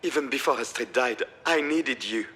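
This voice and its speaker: A man's voice: mid-range voice, normal speed, sharp tone, close to an everyday voice. An actor playing a troubled middle-aged father in a voiced visual novel, talking in a strained, confessional way. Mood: distressed. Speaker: game character.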